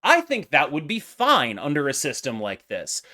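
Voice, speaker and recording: Male gaming commentator, high-pitched and very lively, talking off the cuff with emphatic, winding arguments. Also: moderate pace. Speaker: game content creator. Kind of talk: unscripted opinion commentary.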